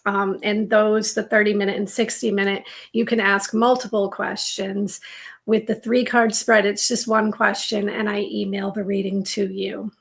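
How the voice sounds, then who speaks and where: A woman's voice: mid-range voice, little pitch movement, normal speed, vocal fry. A woman tarot reader talking casually on a live stream, with her voice slightly giving out.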